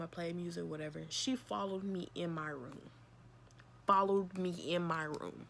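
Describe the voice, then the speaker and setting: A woman's voice: mid-range voice, a little hiss or hum. A young woman vlogger candidly retelling a personal story in a casual, emphatic way, with slang and swearing. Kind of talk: storytime vlog.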